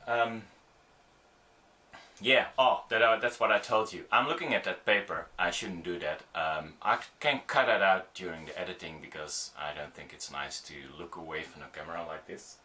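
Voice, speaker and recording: In a low, bright, pushed voice, a middle-aged man who grew up speaking Dutch runs an informal tutorial on camera performance. As an audiovisual producer, he demonstrates techniques but speaks haltingly, filling gaps with ums and restarting sentences.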